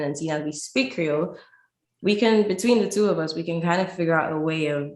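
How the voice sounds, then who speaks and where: A woman from Lucia, answering conversationally as an interview guest who teaches language. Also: low-pitched. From Saint Lucia. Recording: roomy, echoey sound.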